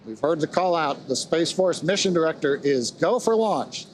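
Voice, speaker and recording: A man's voice: on the high side, expressive, normal speed. A man hosting a launch webcast with explanatory, matter-of-fact technical commentary. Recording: faint background noise.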